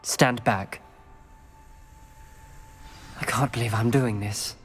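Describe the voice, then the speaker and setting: An actor playing a reserved, cautious young wizard student in video game dialogue. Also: male voice, medium pitch, fairly even intonation, lightly acted. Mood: guarded. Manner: measured, cautious, solemn. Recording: game audio with faint music.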